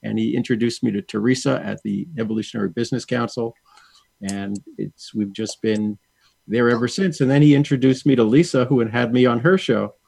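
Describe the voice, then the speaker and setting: Gravelly husky guy guest on a show, earnest, keeps repeating words. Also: mid-range voice, brisk, a little mellow, dry recording. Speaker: guest, angel communicator. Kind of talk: interview chat, storytelling.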